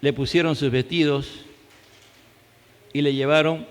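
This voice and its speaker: A male pastor with a Peruvian accent preaching a fervent sermon, swinging from loud emphatic peaks to low prayer. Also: fairly even intonation, a little slow. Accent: Peruvian Spanish. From Peru. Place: church hall. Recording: church hall with long reverb.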